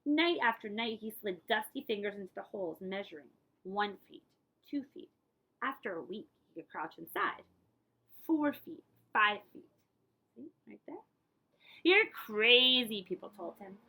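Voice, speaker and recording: With medium pitch and an unhurried pace, a woman reads a picture book aloud like a librarian, though the recording quality is poor. She reads expressively, stressing key words with drama and offering explanatory asides.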